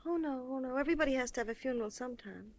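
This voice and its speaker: High-voiced, melodramatic screwball comedy heroine, American. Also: female voice, very fast. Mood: subdued, touched. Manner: theatrical, plaintive, exclaiming. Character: melodramatic, hungover young woman wracked by guilt. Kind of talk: 1930s screwball comedy banter, film acting.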